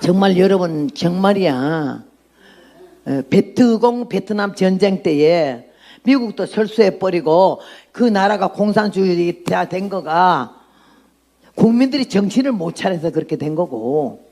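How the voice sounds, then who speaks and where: A woman's voice: fairly low pitch, animated, unhurried, dark tone. An outspoken woman in her eighties preaching a testimony sermon as a missionary, blunt and emphatic. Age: 80s.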